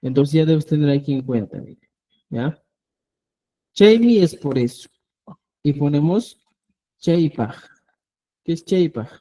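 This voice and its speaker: Slow, dark-voiced language teacher. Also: male voice, a little high, animated, poor audio. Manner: slow, patient, keeps checking with "¿ya?". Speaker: Quechua teacher. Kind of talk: online language lesson.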